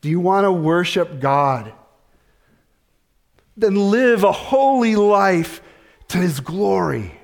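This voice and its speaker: Man, pastor, sermon, slow delivery, slightly high voice, repeats phrases, rhetorical questions. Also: sing-song, gravelly.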